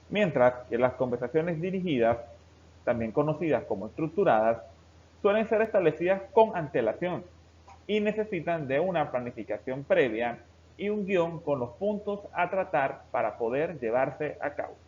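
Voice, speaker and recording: A man teaching a recorded class, explaining step by step and talking directly to his students. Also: a little high. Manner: steady explanatory delivery, addressing students directly. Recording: dull lo-fi recording with faint background hiss.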